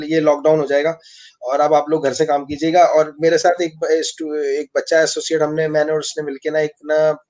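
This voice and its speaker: Guy, professor, talks fast and rambles, kinda high voice, lots of restarts. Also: a little mellow. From Pakistan. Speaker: engineering professor and lab director. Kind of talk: live online interview.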